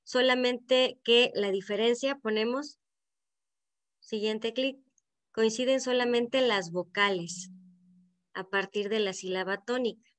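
A middle-aged woman with a Veracruz Mexican accent leads an online poetry class over a video call. Her voice sits a little high. She explains patiently and often tosses in a questioning "no?" to keep her listeners with her. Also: slow pace, pauses often. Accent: Veracruz Mexican Spanish. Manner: explanatory, asks the group to check in with frequent "¿no?". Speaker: poetry workshop teacher. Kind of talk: online workshop lesson.

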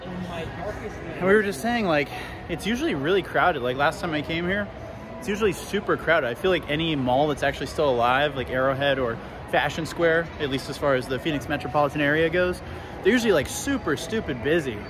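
With a handheld camera at arm's length, a man wanders an indoor mall making laid-back, blunt, sarcastic jokes. He speaks fairly quickly in a fairly high, expressive voice, and the mall around him is noisy.

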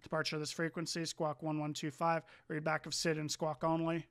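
A man's voice: a little high, completely flat delivery, fairly quick, a bit bright. A young man acting as an air traffic controller, giving clipped, procedural radio instructions for a flight simulator.

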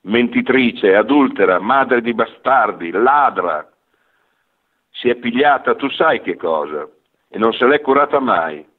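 A man voicing a spiteful old woman gossiping in a pub, with a shrill, scolding manner over a narrow phone-like radio sound. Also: expressive, measured pace.

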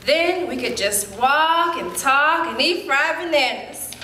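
A woman performing a dramatic stage monologue as a spirited woman recalling her girlhood, telling it in lively, colloquial speech with sudden jumps in pitch. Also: slight background noise, full character voice. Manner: lively storytelling, colloquial, with quick leaps up in pitch. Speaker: stage actor. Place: theater stage. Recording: roomy hall.

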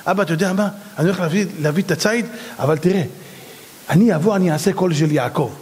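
A man voicing a scheming biblical hunter who plots against his brother, in a fast, hushed, conspiratorial tone. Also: high-pitched, lightly acted. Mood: conniving.

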